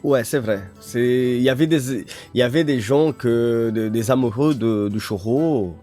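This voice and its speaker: A man's voice: mid-range voice, a little slow, dark tone, faint music behind. A man from northern Brazil, a native Portuguese speaker, talking as a guest musician in a radio interview, hesitant with many fillers and restarts.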